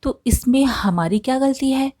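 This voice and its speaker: A woman voicing a sharp-tongued, complaining woodcutter's wife who talks scornfully. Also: high voice, moderate pace, no echo, studio quality, voice pushed up. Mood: grumbling.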